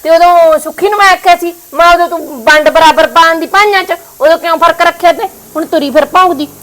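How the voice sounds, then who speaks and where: A woman playing a sharp sister-in-law who bargains over land, with a Punjabi accent. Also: very high-pitched, brisk. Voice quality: tart, needling. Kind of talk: village family skit acting.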